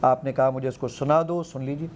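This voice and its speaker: A man's voice: mid-range voice, steady tone, slight background noise. A man, an app founder, eagerly demonstrating his app in an interview, quoting the commands he gives it and counting aloud.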